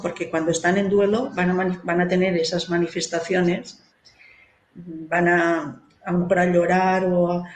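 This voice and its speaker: A woman's voice: fairly low pitch, darkish tone. Earnest woman in a roomy echo. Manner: earnest, often tags phrases with "¿no?". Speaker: author and guest on grief in children. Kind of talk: explanatory interview answers. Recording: roomy echo with faint noise.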